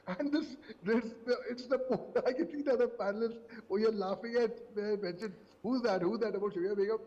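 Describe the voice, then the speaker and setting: A man speaking as a panelist on a live news debate, animated and sarcastic, repeating phrases for emphasis, from a hotel event. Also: sits high, brisk, big-room sound, highs cut off.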